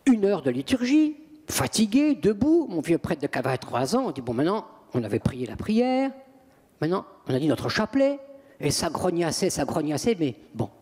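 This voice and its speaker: A man, an exorcist priest, telling lively and emphatic anecdotes in an interview. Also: a little high, moderate pace, husky, in a large hall. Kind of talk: interview storytelling.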